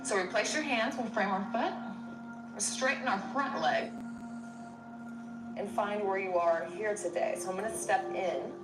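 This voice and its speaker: A woman with a mid-range voice leads a yoga class, offering encouraging step-by-step cues a little slowly and with frequent pauses. The room is echoey, the mic sits at a distance, and music plays in the background.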